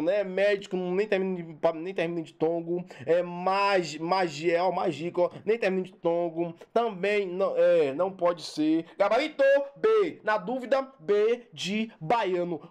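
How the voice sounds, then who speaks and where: A teacher giving an online grammar lesson for exam prep, playful and animated, calling out to the student and chanting rules over and over. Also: medium pitch. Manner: playful, animated, talks straight to the student with repeated calls for attention.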